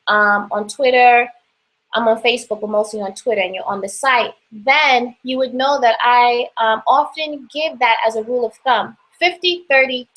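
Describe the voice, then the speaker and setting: Young new york woman chatting about budgeting, bit higher voice, lots of ums and restarts. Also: a bit bright, poor audio. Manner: chatty, with many fillers and restarts. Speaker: personal finance blogger. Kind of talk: casual advice talk.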